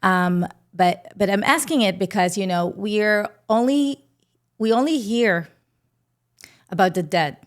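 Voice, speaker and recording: A woman with an Israeli accent hosting a podcast, asking gentle, probing questions of her guest. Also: mid-range voice, lively intonation, unhurried. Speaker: podcast host. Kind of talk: interview conversation.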